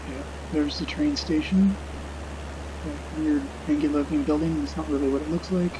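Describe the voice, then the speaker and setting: Casual male gamer over steady background noise. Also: on the high side. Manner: hesitant, musing, unhurried reminiscing. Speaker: video game streamer flying a simulator. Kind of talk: casual unscripted gameplay commentary.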